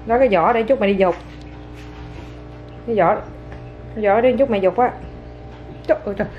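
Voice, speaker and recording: A mother and vlogger chats with her toddler and her viewers at home, speaking briskly in a mid-range voice, coaxing and playful and often laughing. Soft music plays in the background. The indoor recording is dull lo-fi home video with faint noise.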